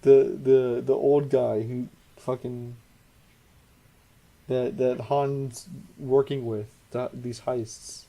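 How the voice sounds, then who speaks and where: A young man co-hosting a casual podcast movie discussion, excitable, swearing a lot and stumbling over restarts. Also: medium pitch, very slow, long pauses. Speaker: podcast co-host.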